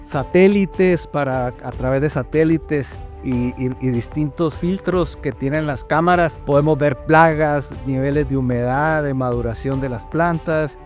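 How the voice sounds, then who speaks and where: An older man from Colombia with a Colombian accent, a company general manager answering interview questions thoughtfully, often pausing and repeating words. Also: fairly high pitch, darkish tone, faint music behind. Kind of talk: conversational interview.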